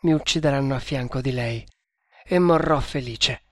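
A man's voice: mid-range voice, normal speed, dry recording, lightly acted. A man voicing a bold, lovestruck male hunter who speaks firmly and resolutely. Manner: firm, resolute.

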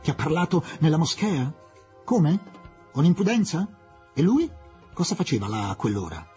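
A man reading an audiobook and voicing a young English official who speaks curtly, hoarsely and domineeringly. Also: medium pitch, sing-song, normal speed, mellow, soft background music, natural voice. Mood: indignant.

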